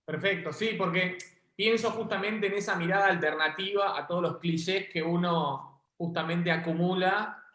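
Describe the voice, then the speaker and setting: A man's voice: high voice, moderate pace, sharp tone, roomy sound. A man taking part in an online seminar, thoughtfully explaining the question he asked.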